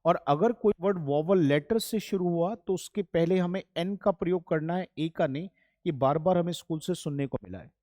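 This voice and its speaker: In this classroom lesson, a man teaches English grammar patiently, going over points again and again and calling his students "beta" and "bachhon" as though they were children. His voice sits on the high side and sounds mellow. The audio is studio quality with no room sound.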